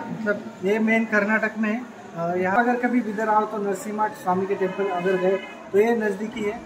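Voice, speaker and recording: Man from Latur, Maharashtra, India; high voice; chatty road-trip vlogger; clear music bed behind. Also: poor audio. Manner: chatty, explains each stop as he goes. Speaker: travel vlogger. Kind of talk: casual travel vlog narration. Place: on the road and outdoors in a village. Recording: music playing under the voice.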